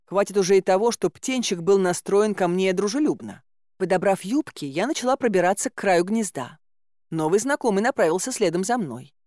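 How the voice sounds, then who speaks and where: A woman narrating a first-person audiobook in a measured, lightly ironic storytelling manner on a close mic. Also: fairly low pitch, darkish tone, no room sound.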